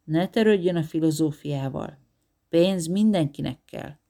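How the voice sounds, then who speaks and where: A sly male hustler leans in close and talks low and fast, selling his deal, as a narrator puts him on. His voice has a creaky, gravelly grain. It is an audiobook reading. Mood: hushed pushy. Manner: hushed, urgent, wheedling. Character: pushy fast-talking male film agent.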